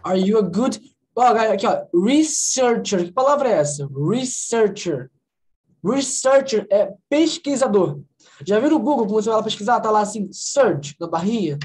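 A woman with a Brazilian Portuguese accent leads an online English class over a video call. She repeats English words slowly, breaks them down sound by sound and keeps checking that her students follow. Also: mid-range voice, animated, darkish tone, rough recording. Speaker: English teacher. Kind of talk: online conversation class, explaining pronunciation.

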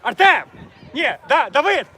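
A man's voice: very high-pitched, sing-song, measured pace. A man coaching a youth football team from the sideline, calling players by name and repeating short commands. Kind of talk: shouting instructions from the sideline. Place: outdoor football pitch. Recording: loud outdoor noise.

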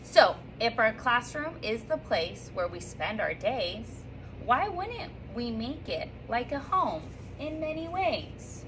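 Her voice on the high side and her pace slow, a third grade teacher in her thirties records a cheerful sing-song greeting and a picture book read-aloud in her classroom reading corner. The reading is upbeat with lively rises and slips. There's background noise, and the mic is a phone or camera on a stand several feet away.

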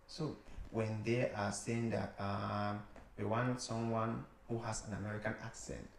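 On a small indoor studio set styled like a living room, a Cameroonian-accented show host steers the conversation with probing questions. He speaks unhurriedly in a lowish, level, creaky voice, and the echoey room carries slight background noise.

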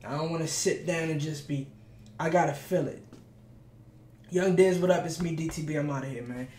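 A man hosting a reaction video, talking casually while standing, hyped and full of shout-outs. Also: a little high, moderate pace. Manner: talks standing up. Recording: echoey room with music playing.

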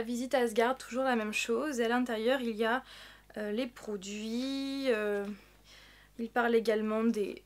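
High bright-voiced chatty woman vlogger. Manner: chatty and excitable. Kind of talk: casual unboxing chat.

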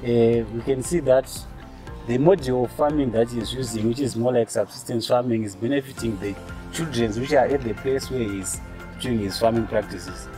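A Zimbabwean man in his twenties on an outdoor panel, mixing Shona into English with hesitant fillers. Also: mid-range voice. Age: 20s. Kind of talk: panel discussion. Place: outdoors by a brick wall.

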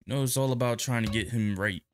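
A young man giving relaxed, slangy commentary while playing a video game. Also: mid-range voice, a little fast. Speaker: gaming youtuber. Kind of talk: casual gameplay commentary.

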